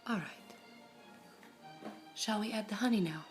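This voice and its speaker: A woman whispering as Sapphire, calm and formal. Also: medium pitch, measured pace, over music, close to an everyday voice. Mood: serene. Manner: soft whispering, polite and composed. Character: calm, formal female gem serving tea. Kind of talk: ASMR roleplay.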